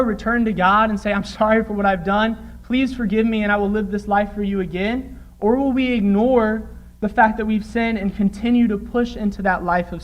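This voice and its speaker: A man's voice: sits high, poor audio. A young man preaching a sermon in church, reading scripture aloud and retelling it earnestly. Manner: earnest, acts out quoted voices while retelling.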